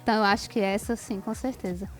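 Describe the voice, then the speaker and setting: A woman, an English teacher answering interview questions in a clear, patient, teacherly manner. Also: mid-range voice, steady tone, quick pace, faint music behind. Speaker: English teacher, show guest.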